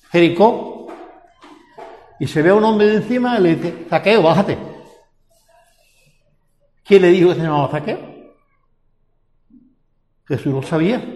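A man's voice: high-pitched, lively intonation, unhurried, long pauses, a little mellow. An older man with a Spanish accent from Spain, preaching a sermon and asking repeated rhetorical questions. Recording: echoey hall with long reverb.

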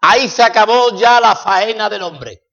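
A man from preaching a sermon, swinging dramatically between loud declarations and hushed passages. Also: sits high, normal speed, creaky. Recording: echoey hall, dull lo-fi sound.

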